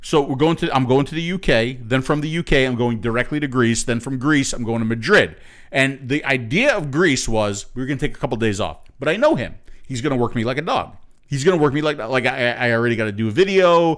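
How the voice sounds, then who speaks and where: A man's voice: mid-range voice, animated, fast talker, a bit bright. Stammering, joking man. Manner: rambling, stammering joker. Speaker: co-host. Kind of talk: casual chat.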